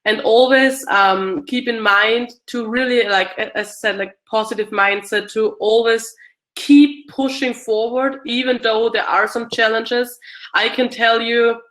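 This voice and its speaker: Slow, bright-voiced Austrian woman. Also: on the high side. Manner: hesitant, many fillers and restarts. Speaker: speaker answering audience questions. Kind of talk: casual Q&A talk. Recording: echoey room.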